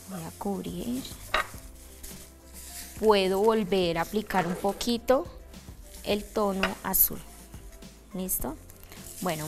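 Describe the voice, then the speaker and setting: A woman with a middle pitch demonstrates a handmade craft step by step. She keeps pausing to check that her audience is following along. Soft music plays faintly in the background. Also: gravelly. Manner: checks in with a frequent "¿listo?". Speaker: craft instructor.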